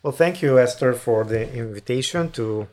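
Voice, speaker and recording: The president of a mission agency, a man from Honduras, earnestly explains his ideas in a podcast interview, occasionally restarting. His mid-range voice is a little mellow and moves at a moderate pace.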